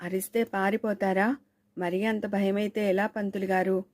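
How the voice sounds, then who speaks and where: Fearless easygoing village lad for an audiobook, blunt and relaxed, read by a woman, warm dry tone. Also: medium pitch, normal speed, no echo, lightly acted. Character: carefree sleepy young village man, fearless.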